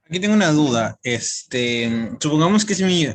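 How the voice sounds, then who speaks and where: A man's voice: a little high, expressive, normal speed. A man taking part in a workshop, asking a question in a hesitant way, thinking aloud as he goes. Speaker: workshop participant.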